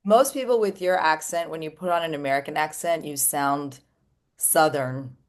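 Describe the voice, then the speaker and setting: A woman's voice: low-pitched, moderate pace. A woman hosting a casual interview with a band, upbeat and enthusiastic. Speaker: showcase founder and interviewer.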